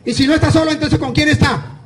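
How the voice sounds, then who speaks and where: Very high-pitched emphatic priest. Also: male voice, quick pace, slight background noise, low-quality recording. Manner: animated, emphatic, rhetorical questions. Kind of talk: live religious debate.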